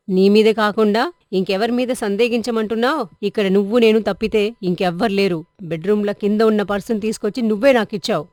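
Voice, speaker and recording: A woman voicing a suspicious middle-aged housewife who scolds loudly. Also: medium pitch, no echo, studio quality, natural voice. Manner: scolding, shouting.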